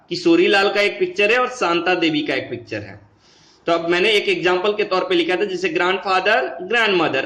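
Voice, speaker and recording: Indian english teacher guy, high voice, mixes hindi and english, keeps checking "am i right", echoey room. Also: fairly bright tone. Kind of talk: grammar lesson for children.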